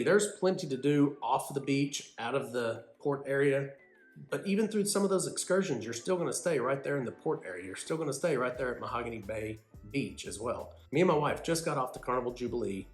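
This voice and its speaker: A man's voice: medium pitch, husky. A man with an Oklahoma accent, casually narrating a screen walkthrough in a folksy, chatty way. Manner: folksy, chatty, says y'all. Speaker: cruise vlogger.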